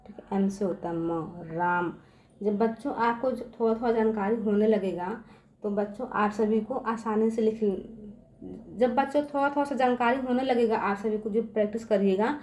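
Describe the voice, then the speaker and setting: A woman's voice: medium pitch, darkish tone. A woman teaching children spelling, patiently repeating each step and checking in after nearly every line. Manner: repeats "theek hai" constantly, patient and drawn-out; addresses viewers as children.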